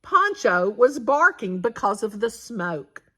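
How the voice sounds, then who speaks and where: A woman reading a children's picture book aloud for storytime. Her voice is bright and clear, and she takes the story at an unhurried pace. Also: on the high side, very animated. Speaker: storytime reader.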